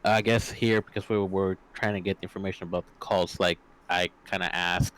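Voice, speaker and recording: A man playing a tabletop game, talking haltingly and searching for words. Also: sits low, fairly even intonation, a bit bright, smooth, poor audio. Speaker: player.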